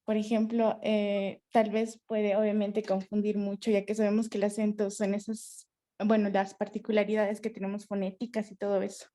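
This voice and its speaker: A woman's voice: medium pitch, completely flat delivery, normal speed, warm tone. A woman student asking her teacher a question, hesitant and thinking aloud as she talks. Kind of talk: classroom question.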